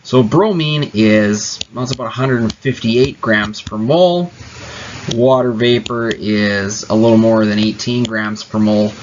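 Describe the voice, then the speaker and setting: Speaking unhurriedly in a fairly low voice, this man teaches chemistry in class, going step by step with patience, a casual tone, and minor fillers. Slight background noise sits under the dull, lo-fi audio.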